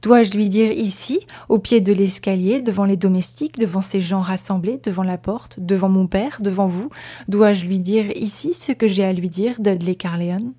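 A haggard, vehement young woman from a period novel read aloud, voiced by a woman narrator. She speaks with urgent, impassioned insistence, her mellow voice pressing every word. The tone stays low and warm rather than shrill. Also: moderate pace, natural voice.

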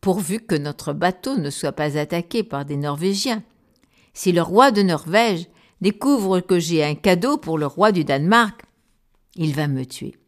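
A woman's voice: mid-range voice, expressive, a little slow, close to an everyday voice. A woman voicing a poor, determined young male viking in a storybook, speaking earnestly. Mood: worried.

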